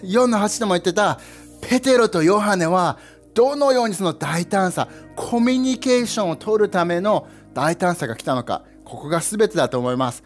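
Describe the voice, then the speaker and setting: A young man preaching a lively sermon, playful and animated, with sound effects and asides to the congregation. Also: high-pitched. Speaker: pastor.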